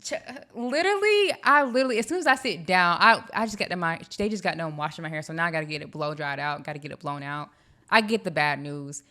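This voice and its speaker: Animated young woman telling stories. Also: lowish voice, quick pace. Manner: animated storytelling, laughs often. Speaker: podcast co-host. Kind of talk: casual chat.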